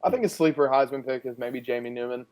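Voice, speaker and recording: A man's voice: mid-range voice, quick pace, a little mellow. Laid-back young man as podcast guest. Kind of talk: casual sports chat.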